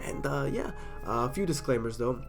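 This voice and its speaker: A man with a stuffy cold reads horror stories aloud in a casual, chatty, self-deprecating way, now and then stumbling over words as a storyteller. His voice is creaky, medium in pitch and moderate in pace, with music playing behind him.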